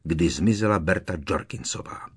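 A man reading an audiobook, voicing a wise old male headmaster who speaks in a cold, measured and firm way. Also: low-pitched, breathy edge.

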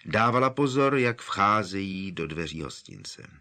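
Male audiobook narrator, deep-ish voice, very animated delivery. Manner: expressive, dramatic storytelling.

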